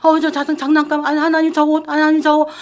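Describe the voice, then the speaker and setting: A woman's voice: high-pitched, completely flat delivery, quick pace, lightly acted. Woman doing a greedy babbling child at prayer. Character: greedy child mumbling wish-list prayers.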